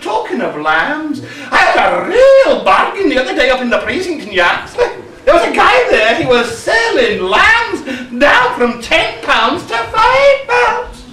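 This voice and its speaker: A man's voice: extremely high pitch, wildly swooping pitch, a little slow, exaggerated voice. A man playing a cheeky pantomime dame cook, a bossy middle-aged woman with a put-on Scottish accent, teasing the audience on stage. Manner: brash, teasing, banters with the audience. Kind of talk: amateur pantomime stage acting. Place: village hall stage with live audience. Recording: echoey hall, far mic, audience noise.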